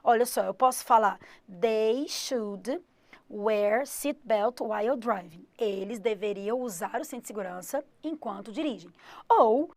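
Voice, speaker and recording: A Brazilian woman teaching an exam-prep English lesson, lively and switching between English examples and Portuguese explanations. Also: on the high side, no room sound.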